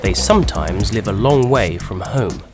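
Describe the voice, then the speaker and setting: A man reads a scripted documentary narration in a clear, measured way. His voice sits on the low side and rises and falls a great deal. Music plays steadily beneath him. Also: animated. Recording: voice-over with music underneath.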